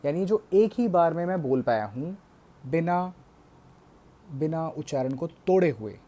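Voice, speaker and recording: A man with an Indian English accent teaching a bilingual grammar lesson, explaining slowly and checking in with his class again and again. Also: a little high, expressive, dark tone.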